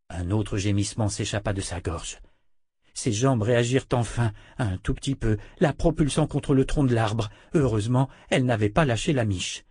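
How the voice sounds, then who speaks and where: A man reading a novel aloud as narrator, in a steady measured way. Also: medium pitch, slightly rough, no room sound, studio quality. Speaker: audiobook narrator. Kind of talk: scripted narration.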